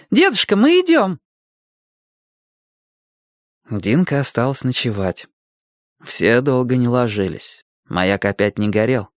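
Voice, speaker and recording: A man narrating an audiobook story calmly and expressively. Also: mid-range voice, no echo, clean studio sound. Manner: calm, expressive.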